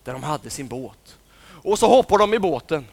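A man's voice: on the high side, sing-song, creaky, a little mellow. A man telling a story to children, often dropping into whispers for suspense and asking his listeners questions. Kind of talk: dramatic storytelling.

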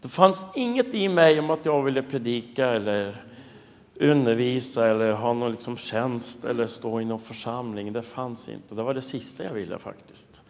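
Gravelly-voiced pastor preaching in a hall. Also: male voice, mid-range voice. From Norway and the United States. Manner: earnest, emotional, drops to a hushed voice for prayers. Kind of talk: sermon testimony.

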